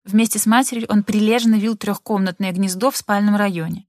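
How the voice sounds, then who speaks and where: A woman narrating a literary audiobook in an expressive, measured manner. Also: medium pitch, dry recording, studio quality.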